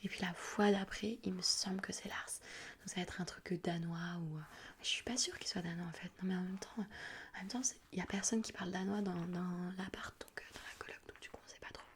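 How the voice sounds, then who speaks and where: A young woman from France in a whispered role-play, chatting as a friendly student flatmate and rambling with many fillers. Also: fairly low pitch, brisk, husky. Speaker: ASMR artist.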